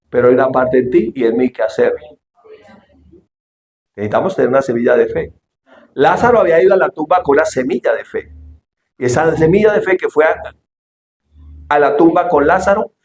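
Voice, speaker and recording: Animated pastor preaching in an echoey hall. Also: male voice, on the high side, a little hiss or hum. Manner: animated, shouts quoted lines, asks the congregation questions. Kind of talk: sermon. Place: church hall.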